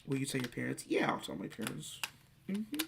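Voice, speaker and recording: A speaker in their late teens chatting casually on a live stream, reading viewers' questions aloud and answering in excitable bursts. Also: medium pitch, brisk, gravelly, background noise.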